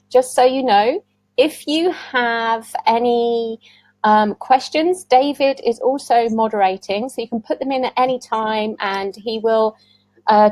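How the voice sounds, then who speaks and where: A woman's voice: mid-range voice, a little mellow, no room sound, poor audio. A woman hosting an online interview over a video call, bubbly and chatty, laughing at her own slips. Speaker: host.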